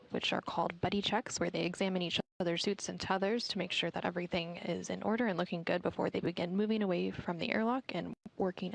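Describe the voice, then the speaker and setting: A woman with a slightly low, creaky voice delivers live mission commentary. She is measured and formal, explaining technical procedures as an official commentator.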